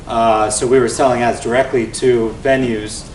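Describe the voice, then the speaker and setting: A man's voice: medium pitch, normal speed, a little hiss or hum. Man in his forties telling a story, distant roomy mic. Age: 40s. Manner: energetic and conversational, tags points with "right?". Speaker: venture investor and guest speaker. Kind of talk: telling his founder story to an event audience. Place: event venue before an audience.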